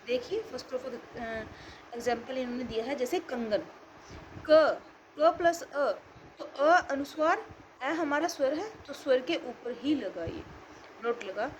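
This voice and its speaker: High-voiced woman teaching a grammar lesson. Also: noisy background. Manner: explains step by step, asks and answers her own questions. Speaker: school teacher.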